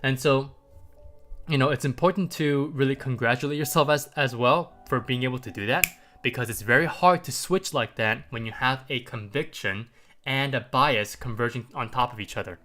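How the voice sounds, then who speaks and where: A market livestream host talks loosely to his viewers at a normal speed, his medium-pitched voice sharp in tone and a little stuffy from congestion. He's chatty, dropping lots of "um" and rhetorical "right?" with light chuckles, while soft music plays in the background.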